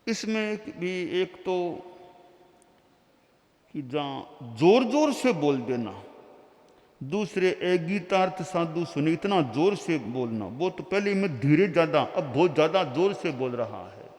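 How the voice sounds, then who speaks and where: A man giving a sermon as a Jain monk, teaching slowly and deliberately and acting out short quotes. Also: fairly high pitch, big pitch swings, a little mellow. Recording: long hall reverb.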